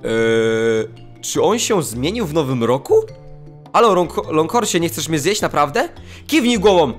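A man giving excitable let's play commentary, exclaiming and talking to his viewers. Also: a little high, a little slow. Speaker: gaming channel host. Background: faint game music.

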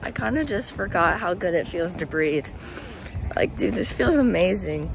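A young woman chatting candidly in a casual vlog, hoarse from a cold and hard on herself about her workouts. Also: lowish voice, animated, normal speed, background noise. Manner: candid, self-critical, laughs often. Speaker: CrossFit athlete vlogger.

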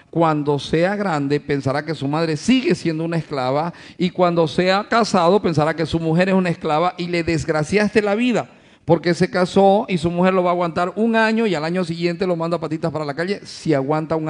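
A pastor preaches in a fairly high male voice, calling his listeners brothers. He leans on rhetorical questions and acts out little scenes of home life to drive each point home. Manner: addresses the congregation as brothers. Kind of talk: sermon.

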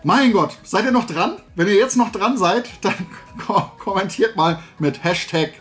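With soft music in the background, a man speaks in a high-sitting voice at a measured pace. He's the YouTube host of a toy collecting channel, rambling to camera in an animated, opinionated, colloquial and emphatic way from a small indoor room lined with toy shelves.

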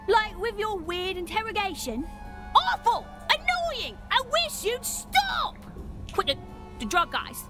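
A woman's voice: very high-pitched, exaggerated voice. An actress voicing a rude, snappy female alien townsperson in a video game, hostile and swearing. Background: game music.

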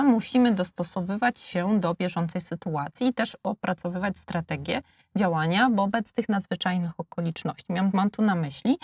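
A woman in her forties with a Polish accent takes part in a panel debate, pausing often with fillers and restarting phrases. Her voice sits fairly low. The lapel mic gives a close, dry sound with no room echo. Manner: hesitant, many fillers and restarts. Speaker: debate guest, international relations expert. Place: studio with blue backdrop.

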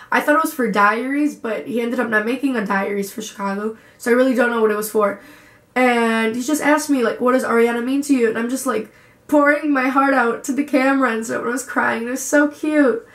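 Gushing young woman vlogger, echoey room. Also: a little high. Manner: gushing, lots of "like". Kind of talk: casual vlog storytelling.

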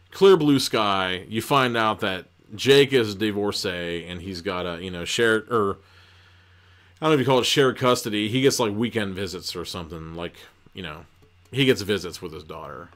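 A man's voice: fairly low pitch, lively intonation, moderate pace, fairly bright tone. Rambling, profane man recapping a book. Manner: rambling, profane, lots of fillers. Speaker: podcast host reviewing books.

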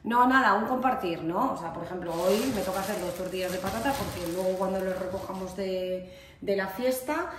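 A woman's voice: mid-range voice, brisk, crowd noise. Chatty Spanish woman vlogging in an echoey room. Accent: Spain. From Spain. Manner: chatty and animated, full of fillers and asides. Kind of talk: casual storytelling to camera. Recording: echoey room with faint ambient noise.

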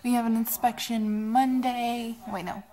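A woman's voice: fairly high pitch, little pitch movement, a little slow, a crowd in the background. A woman in her twenties rambling casually to camera in a vlog, sounding sick, tired and drowsy. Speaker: vlogger. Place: small cluttered bedroom, indoors.

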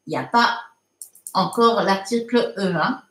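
A woman's voice: mid-range voice, fairly bright tone, echoey room. A woman teaching English in a live online lesson, patiently reading out viewer comments and correcting them step by step. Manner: slow, patient, explains step by step, frequent fillers.

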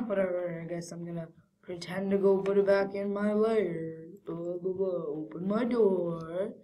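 A woman improvising a game role-play, jumpy, repeating herself and swinging from hushed to yelping. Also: lowish voice. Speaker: roleplay player and channel host.

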